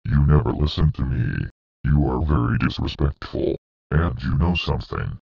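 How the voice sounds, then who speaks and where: A man's voice: normal speed, gravelly, breathy edge, dry recording, dull audio, heavily acted. A synthetic male voice playing a menacing stick-figure computer demon with a robotic tone. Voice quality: deep robotic demonic text-to-speech voice. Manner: flat threatening ultimatums.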